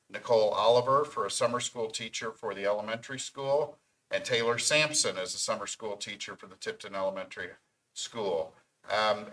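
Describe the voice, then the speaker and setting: A man's voice: on the low side, a bit bright, poor audio. A man chairing a school board meeting, reading names from a list with frequent ums and slightly out of breath.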